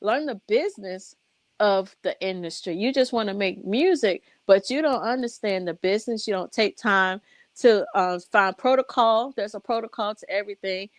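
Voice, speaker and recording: A woman's voice: medium pitch, moderate pace, dry recording. A woman co-hosting a radio talk show, talking casually and reflectively, often laughing. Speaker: radio co-host and music director.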